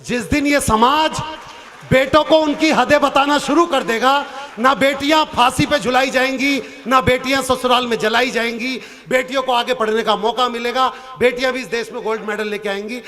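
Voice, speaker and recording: A man telling a comic story on stage at a poetry gathering. He acts out the characters and shouts some of their lines. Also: very high-pitched, fairly even intonation, normal speed. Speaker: stage poet. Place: outdoor stage event with audience laughter.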